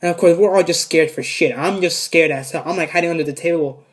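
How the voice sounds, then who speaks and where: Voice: mid-range voice, fast, breathy edge. A vlogger tells a story to a camera set up in front of them. The talk rambles, with many restarts and fillers. It swears freely in a loose, casual storytime style.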